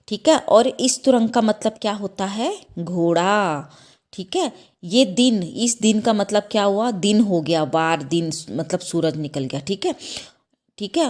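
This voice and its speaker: A woman teaching a class of young children, explaining slowly and patiently, often checking understanding with a rising "okay?". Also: a little mellow. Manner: repeats "ठीक है?" with a rising pitch, asks children questions; slow, patient, self-correcting. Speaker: school teacher. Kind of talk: slow explanatory class lesson.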